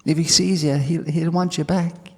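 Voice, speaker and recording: A man's voice: medium pitch, moderate pace, darkish tone, voice pushed up, natural voice. A man voicing a frightened young farm girl who fiercely protects her horse. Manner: pleading, breathless urgency. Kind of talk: storytelling. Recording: long hall reverb.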